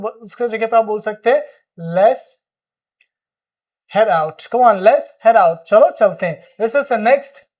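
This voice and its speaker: A man with an Indian accent teaching spoken English, explaining in Hindi and prompting viewers to repeat phrases. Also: high voice. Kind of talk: energetic classroom-style lesson.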